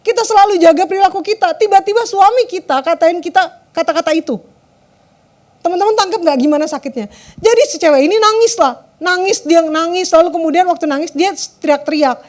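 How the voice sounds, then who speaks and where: Brief: woman youth preacher, high bright pitch, chatty and direct with the crowd. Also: brisk. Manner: conversational, keeps addressing the audience, lets phrase ends drop low and soft. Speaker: youth service speaker. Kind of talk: sermon.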